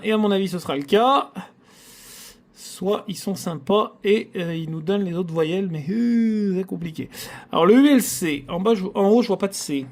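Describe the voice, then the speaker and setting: A man's voice: sits high, gravelly. A man hosting his own channel, chatting casually to viewers as he scratches lottery tickets and groans theatrically at every loss. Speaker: channel host.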